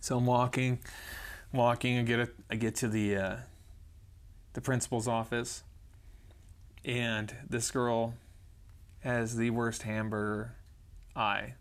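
An animated man tells stories on a casual podcast and slips into voices for the people in them. His pitch sits in the ordinary middle range for a man, and he often laughs partway through a story. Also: takes it slowly, long pauses, smooth. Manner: animated, acts out other people's lines in quoted voices. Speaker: podcast co-host.

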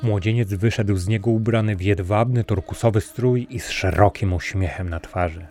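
Deep, mellow male storyteller. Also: moderate pace, soft background music. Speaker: narrator. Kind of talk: storybook narration.

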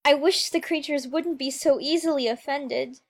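Man putting on a very high, timid young girl. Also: steady tone, normal speed. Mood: timid, polite. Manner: earnest, plaintive. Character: polite, timid, easily flustered young girl. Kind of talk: storybook character voice.

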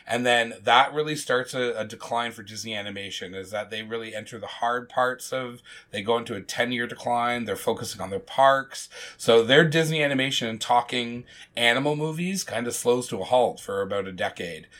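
A man's voice: mid-range voice, a little fast, hardly any pauses, a bit bright. A man co-hosting a podcast, talking casually and candidly about films, open about his emotions. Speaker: podcast co-host. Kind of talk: casual film discussion.

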